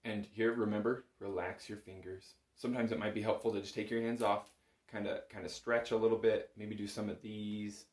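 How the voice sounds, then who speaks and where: In a brisk, level delivery, a man with a low-leaning, darkish voice teaches bagpipe chanter step by step. The lesson is informal, patient and encouraging, recorded with the echoing sound of a small music room at home.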